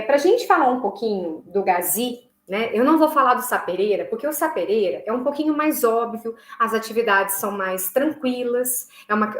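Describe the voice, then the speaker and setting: A woman teaches a music lesson, explaining step by step and pausing to check that her students follow. Her voice sits a little high, and she slowly chants rhythm syllables to demonstrate. The room gives her voice a noticeable echo. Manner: explains patiently, checks in with frequent "tá?". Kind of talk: recorded online class. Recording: echoey room.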